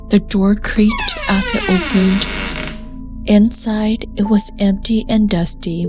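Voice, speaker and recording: A woman narrating a scripted folk story in a soft, hushed voice that sometimes drops to a whisper. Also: mid-range voice. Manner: soft, slow and hushed, slipping into whispers at tense moments.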